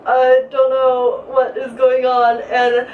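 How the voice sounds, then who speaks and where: A woman's voice: high-pitched, completely flat delivery, slow, slight background noise. A young woman from Malaysia chatting casually as a vlogger, laughing often and saying "like" a lot. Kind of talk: casual chat. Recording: roomy sound from a distant mic, slightly dull.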